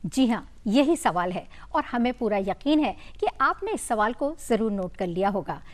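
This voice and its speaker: Woman host, higher pitch, formal and courteous broadcast delivery. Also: very animated, normal speed. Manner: polite formal presenter, frequent affirmations. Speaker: TV show host. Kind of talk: broadcast hosting.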